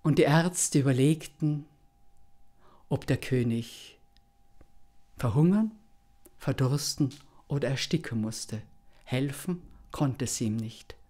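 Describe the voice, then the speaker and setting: A woman telling a folk tale aloud in a deliberate, dramatic way with pauses. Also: very deep voice, dark tone. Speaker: storyteller.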